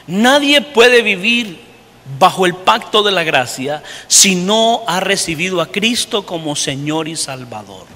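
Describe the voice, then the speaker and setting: A high, bright voice rings out as a pastor preaches to his congregation. He tells his story by acting out each person's lines and swings from loud to soft. His words trail off in the long reverb of a church. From Honduras. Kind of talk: sermon.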